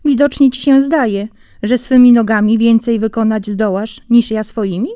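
A woman's voice: a little high, lively intonation, normal speed, mellow, no room sound. Cunning male hedgehog, stubborn, bossy, storybook, read by a woman, dry sound. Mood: sly. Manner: cunning, bossy to his wife.

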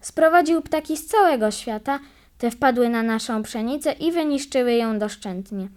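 A peasant wife in a storybook tale, complaining to her husband about the damage, voiced by a woman reader. the voice is somewhat high and plain. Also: animated, moderate pace, a little mellow, natural voice. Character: the carter's worried peasant wife.

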